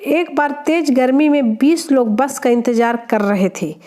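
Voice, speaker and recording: Woman, joke reader, high voice, slow unhurried delivery, plain even narration. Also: slight background noise. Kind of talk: reading Hindi jokes aloud.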